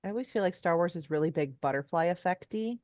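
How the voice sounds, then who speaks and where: A woman's voice: lowish voice, expressive, fast talker, a little mellow, dry recording, highs cut off. A woman talking as a podcast guest in a casual chat, enthusiastic and rambling in long trailing asides.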